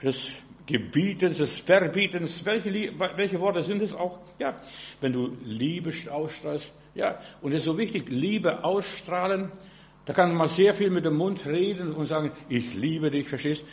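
A man giving a sermon in a folksy, halting way, often asking "verstehst du" and restarting words. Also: a little high. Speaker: preacher.

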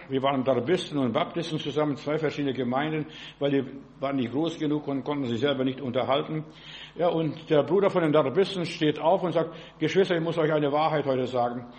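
Man preaching, folksy and halting, fairly high voice, keeps asking if you follow. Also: darkish tone, highs cut off. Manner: folksy, repeats "verstehst du", halting restarts. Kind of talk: sermon.

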